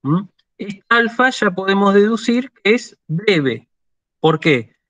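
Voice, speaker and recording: Slow-talking Argentine man lecturing. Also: high voice, animated, fairly bright tone, no room sound. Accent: Argentine Spanish. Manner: patient, checks in with frequent "¿sí?". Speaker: university lecturer. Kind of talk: online lecture. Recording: dull lo-fi dry sound.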